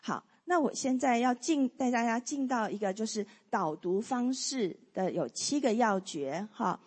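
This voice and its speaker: A woman with a high-ish, husky, darkish voice teaches a church class on prayer, speaking a little slowly with lively intonation. She leads the group through the points and in reading, often dropping "好" and "哈," with long hall reverb around her.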